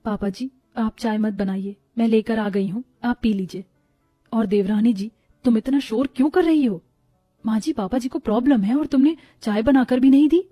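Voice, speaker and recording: Kind daughter-in-law voiced by a woman, gentle, firm, storybook, faint music. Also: fairly high pitch, normal speed, no room sound, close to an everyday voice.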